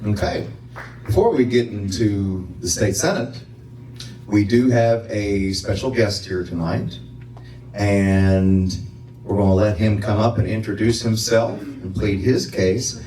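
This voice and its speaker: A man hosting a candidate forum, introducing the next speaker in a plain, relaxed way. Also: fairly low pitch, slow. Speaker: event host. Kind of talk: event introductions. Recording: echoey room, far from the mic.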